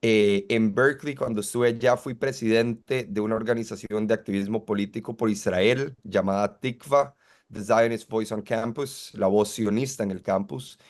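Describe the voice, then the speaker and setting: A man, a student activist answering interview questions in a measured, articulate way. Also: on the low side, steady tone, darkish tone. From Costa Rica. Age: 20s. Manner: articulate, measured, argues point by point.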